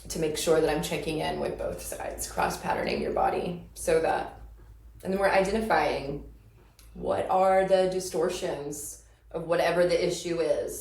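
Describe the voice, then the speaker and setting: A lower-voiced woman talks through her practice in a relaxed, chatty way, often breaking into laughter. She sounds a little away from the mic, in a room that echoes. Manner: laughs often, explains at length. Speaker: energy practitioner. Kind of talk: casual podcast chat. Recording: roomy, distant mic.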